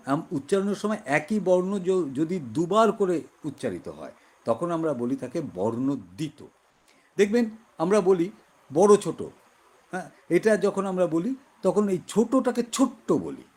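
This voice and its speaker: A man's voice: fairly high pitch, darkish tone. A male teacher giving an exam-prep lesson in a West Bengal Bengali accent, explaining patiently and repeating example words to show how they are said.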